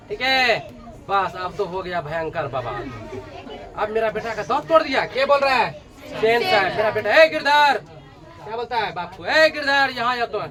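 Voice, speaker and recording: A man teaching a class, telling a story with acted-out voices, repeating key lines and quizzing his students. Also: extremely high pitch. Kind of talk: animated storytelling lesson. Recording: crowd noise behind.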